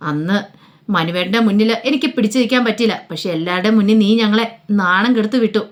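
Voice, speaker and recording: A woman's voice: mid-range voice, fast talker, lightly acted. A woman voicing a cruel young man who taunts and threatens, in a sneering manner. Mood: taunting. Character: menacing young male villain, taunting and cruel.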